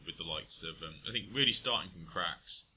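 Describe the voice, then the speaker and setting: A man's voice: sits low, animated, fairly quick, pushed and bright, a little hiss or hum. A man co-hosting a casual podcast, talking in a rambling, hesitant way with many fillers. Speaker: podcast co-host. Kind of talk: casual chat.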